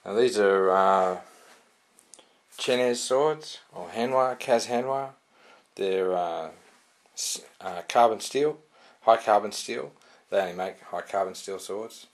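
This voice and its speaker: A man's voice: lowish voice, slow. A man giving a casual, rambling product review with many fillers and restarts. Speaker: sword reviewer.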